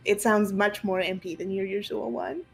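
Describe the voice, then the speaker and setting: A young woman narrating an online tabletop roleplaying game as game master, improvising her descriptions haltingly. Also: medium pitch, steady tone, vocal fry, husky. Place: room at home, on a group video call. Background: faint music.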